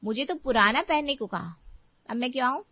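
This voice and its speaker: A woman's voice: high voice, lively intonation, fairly quick, no echo, lo-fi sound. A woman voicing a sulky young adult daughter who reproaches her mother. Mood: reproachful.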